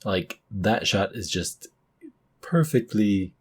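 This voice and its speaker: A man with a very low, husky voice co-hosting a casual movie podcast. He talks things through thoughtfully, breaking into loud, emphatic bursts to make his points. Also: lively intonation, slow. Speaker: podcast co-host.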